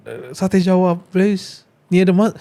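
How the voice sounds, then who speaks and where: A man's voice: high voice, flat delivery, moderate pace, warm tone. A man hosting a podcast in casual chat, playful and teasing with his guest. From Brunei. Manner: playful, teasing, uses "bro". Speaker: podcast host.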